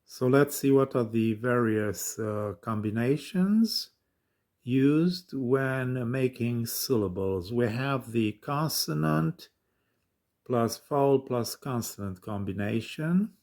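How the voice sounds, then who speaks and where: A man giving an informal language lesson, thinking aloud haltingly as he reads out syllables and works through exercises. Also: medium pitch, animated, darkish tone.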